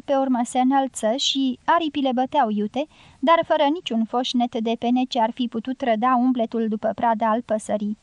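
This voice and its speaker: A woman narrating a classic novel in an even, deliberate reading voice. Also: a little high, no room sound. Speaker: audiobook narrator. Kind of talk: literary audiobook narration.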